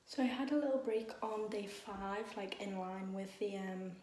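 A young woman vlogs casually from her bedroom at home, rambling chattily with lots of "like" and "um." Her voice is mid-range and a little mellow at a moderate pace, recorded in an echoey room with faint noise.

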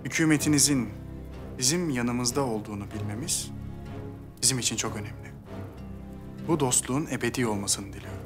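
An actor playing a grave, dignified sultan, speaking deliberately and formally in a period TV drama. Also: male voice, mid-range voice, music in the background, natural voice. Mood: gracious.

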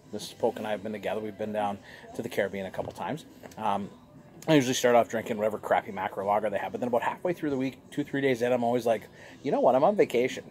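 A man's voice: mid-range voice, a little hiss or hum. A jovial, chatty man, reviewing a beer for his vlog on a sunny outdoor patio, recorded by a camera across the table. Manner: jovial, chatty, animated gestures. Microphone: fixed camera across a table.

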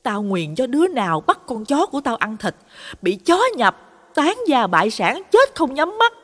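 Brief: woman voicing an elderly village woman, grief turned to vengeful cursing, high and strained, husky edge. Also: big pitch swings, slow, in a large hall, full character voice. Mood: furious grief. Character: grieving old village woman cursing in rage.

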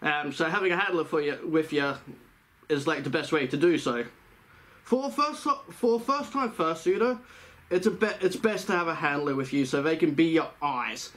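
A man's voice: a little high, normal speed, a bit bright. A man giving casual tips to the camera, talking through a costume head in a chatty, rambling way that often corrects itself. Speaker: fursuit vlogger.

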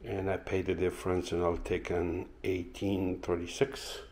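With a deep, unhurried voice, the owner of a woodworking channel walks viewers around his backyard garden and then his indoor workshop. The camera is in his own hand, and his talk is casual and wandering, heavy on fillers.

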